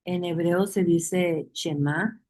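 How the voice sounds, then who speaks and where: Woman Bible teacher, mellow warm tone, repeats points, quizzes the class. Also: lowish voice, steady tone, slow, poor audio. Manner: reads verses aloud and asks the class questions; repeats key phrases for emphasis.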